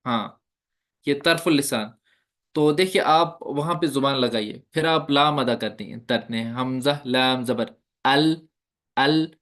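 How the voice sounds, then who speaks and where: A man's voice: medium pitch, a little slow, fairly bright tone. A man teaching a recitation class. He explains each point step by step, asks the class questions and demonstrates the sounds. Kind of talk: classroom lecture.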